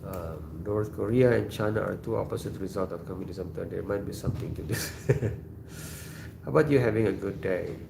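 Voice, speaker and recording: A man's voice: sits low, moderate pace, vocal fry, reverberant, background noise. A man from Indonesia hosting a casual livestream, reading viewer comments in a laid-back way and laughing often. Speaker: livestream host.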